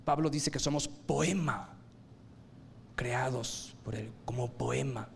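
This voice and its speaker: A man preaching a sermon, swinging from loud emphatic bursts to low quiet lines and asking his listeners rhetorical questions. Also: slow, vocal fry, a little hiss or hum.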